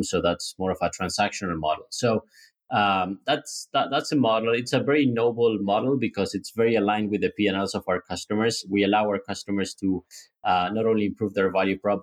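A man with a lowish voice talks as a startup founder being interviewed. He explains his business conversationally. He often doubles back on words and pads phrases as he goes.

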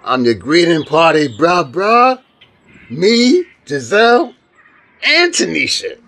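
A man's voice: on the high side, very animated, slow, creaky, fairly bright tone, pitched above the performer's own voice, full character voice. A man doing a hyped, slangy buddy voice. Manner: hyped, playful, teasing. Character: exuberant, slangy young male friend.

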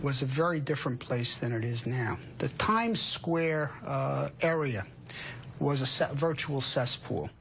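A man giving halting, matter-of-fact recollections as an investigator in a documentary interview. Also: mid-range voice, expressive, vocal fry, background noise.

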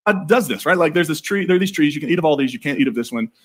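A man preaching a sermon in a casual, jokey way, telling the story with animated asides. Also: fairly high pitch, very fast.

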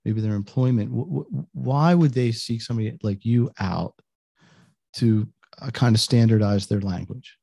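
A man's voice: medium pitch, normal speed, creaky, mellow, husky, no room sound, studio quality. A man hosting an interview, rambling with frequent fillers and restarts. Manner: rambling, hesitant, many fillers. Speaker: host. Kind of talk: casual interview talk.

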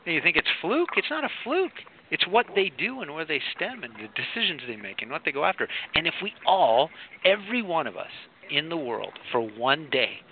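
A man's voice: a little high, big pitch swings, brisk. A man speaking earnestly and emphatically in a conversational talk, like a coach. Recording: tinny phone-like audio with faint noise.

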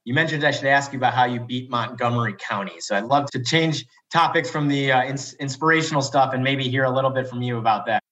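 A man's voice: medium pitch, fast, few pauses, fairly bright tone. A male interview host who rambles a little, restarting phrases as he steers the talk. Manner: rambling, with frequent fillers and restarts. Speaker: podcast host. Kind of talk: conversational interview. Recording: dull lo-fi sound.

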